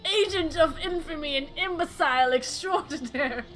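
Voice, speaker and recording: Boisterous game arena announcer played by a woman, male showman, theatrical patter, bright forceful delivery. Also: high voice, moderate pace, faint music behind, voice pushed up. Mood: grandiose, excited. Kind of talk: video game dialogue read aloud in character.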